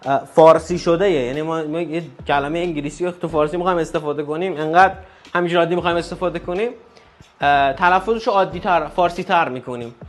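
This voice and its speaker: A man with a Persian accent teaching a casual English lesson, explaining step by step and slowly repeating English phrases. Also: high voice.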